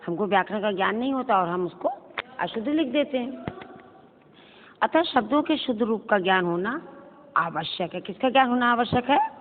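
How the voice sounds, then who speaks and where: A woman teacher giving a grammar lesson, reading out words in wrong and right forms and checking whether the students follow. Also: mid-range voice. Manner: drills word pairs, wrong then right, with questions to students. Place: school classroom. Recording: tinny phone-like sound with long hall reverb.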